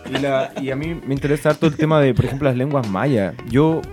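A man's voice: medium pitch, fast talker, over loud music. A man with a Chilean Spanish accent chatting eagerly, using lots of slang. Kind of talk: casual conversation.

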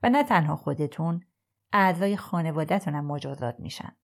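A woman's voice: low voice, creaky. Woman voicing a stern male prosecutor. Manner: formal, warning.

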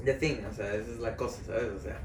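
A man's voice: lowish voice, steady tone. A young man co-hosting a casual podcast chat, laughing often and slipping into English. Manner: laughing, drawn-out, slips into English. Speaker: podcast co-host. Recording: roomy, distant mic with faint noise.

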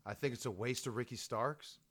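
A man's voice: mid-range voice, a little fast, a bit bright, a little hiss or hum. A man co-hosting a casual wrestling podcast, making dry, offhand remarks and short replies. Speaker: podcast co-host.

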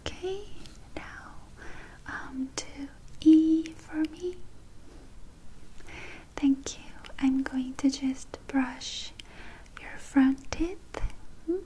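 A woman doing a whispered role-play as a dental hygienist, speaking in a gentle, reassuring, soothing manner to a patient. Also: high-pitched, drawn-out words, long pauses, poor audio.

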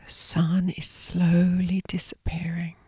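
A woman narrating a scripted sleep story as a guided meditation, in a breathy, hushed, soothing whisper. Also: fairly low pitch, monotone, slow pace, dry recording.

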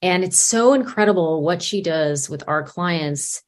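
A woman's voice: on the low side, lively intonation, measured pace. A woman in an interview, earnestly describing a colleague's work with clients.

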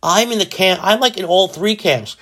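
A man's voice: high voice, moderate pace, fairly bright tone. A man in his forties hosting a solo podcast, rambling and self-mocking as he jokes his way through his thoughts. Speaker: podcast host.

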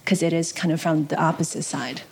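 A woman in the audience asking a question at a live event, hesitant and pausing often. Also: low voice, fairly even intonation, creaky, slightly rough. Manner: hesitant, with many pauses and fillers.

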